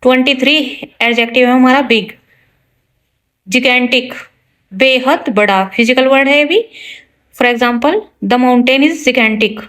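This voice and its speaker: A woman teaching English vocabulary, speaking slowly and deliberately through each example, with casual asides to the listener. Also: sits high, fairly bright tone, low-quality recording. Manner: slow and deliberate, spelling out examples word by word. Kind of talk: explaining a vocabulary lesson.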